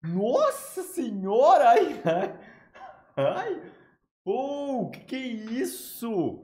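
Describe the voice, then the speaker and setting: Brief: young Brazilian-accented streamer, slow and very animated, excitable and swearing, loud game music. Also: male voice, very high-pitched, husky. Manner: excitable, swearing, yelping and shouting in fright. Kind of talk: live reaction to a horror game.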